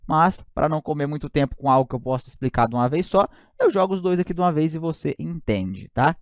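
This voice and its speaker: A man's voice: a little high, expressive, fast talker, dry recording, studio quality. A man with a Brazilian Portuguese accent teaching an online grammar lesson, joking and often checking in with his students.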